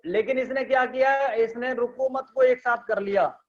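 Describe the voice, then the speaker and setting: A man's voice: very high-pitched, normal speed, dull audio. A man leading an online sales training session, explaining step by step and checking that listeners understand. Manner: instructive, repeats points and asks if understood.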